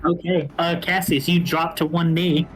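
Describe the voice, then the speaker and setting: A man narrating a tabletop role-playing game as game master, in a casual, halting way. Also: a little high, flat delivery, rough recording. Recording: faint music behind the voice. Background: music.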